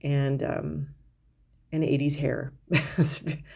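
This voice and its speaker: Woman vlogger, low mellow voice, chatty perfume review, lots of ums and restarts. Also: level tone, slow pace, gravelly. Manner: chatty, descriptive, with frequent fillers and restarts. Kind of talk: casual product review vlog.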